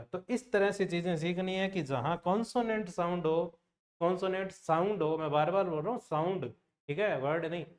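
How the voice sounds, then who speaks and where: A man teaching an exam-prep grammar lesson, asking the class questions and answering them himself, slowing down to sound out example words. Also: on the high side. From Rajasthan, India.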